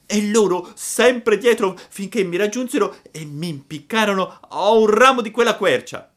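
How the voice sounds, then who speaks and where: A man voicing an excitable wooden puppet boy with a high, breathless, pleading voice. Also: moderate pace. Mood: excited.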